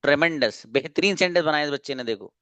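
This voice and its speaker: Male online tutor on a video call, smooth clear tone, strict and lecturing. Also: on the high side, animated, quick pace, a bit bright. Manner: firm, scolding then encouraging. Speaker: online English teacher. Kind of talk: online class drilling students.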